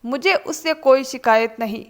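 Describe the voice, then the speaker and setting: A woman's voice: sits high, moderate pace, close to an everyday voice. A woman voicing a grown son who reasons seriously and persuasively with his mother. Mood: earnest.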